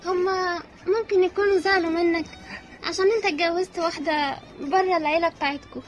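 A scheming young wife who coaxes her husband in a very high, wheedling voice, played by a woman. She talks quickly and sweetly. A faint background noise runs behind her. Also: steady tone. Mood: coaxing. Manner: coaxing, wheedling.

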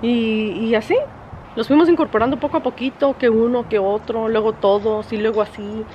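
A woman vlogging casually from home, chatty and exasperated, sometimes breaking off to scold her dog in sharp high bursts. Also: fairly even intonation, moderate pace, lo-fi sound, a little hiss or hum. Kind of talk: casual vlog chat. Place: at home, indoors and outdoors.

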